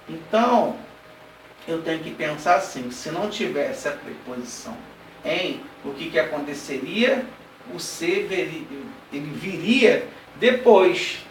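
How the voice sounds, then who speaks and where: A man teaching an exam-prep grammar lesson, explaining step by step, checking in with his students and spelling out examples slowly. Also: on the high side. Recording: roomy classroom sound, heard from a distance, light background noise.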